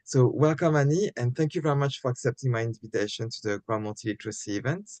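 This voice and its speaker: A man's voice: mid-range voice, fairly even intonation, quick pace, darkish tone, dry recording. A man hosting a live online interview, welcoming and introducing his guest in a polite, formal way. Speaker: host.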